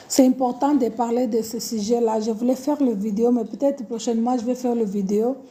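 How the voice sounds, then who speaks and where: A woman's voice: on the high side, dark tone. A woman with a Portuguese accent hosting a casual live stream from her phone, repeating greetings and correcting her own wording. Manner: repetitive greetings, self-correcting over word choice.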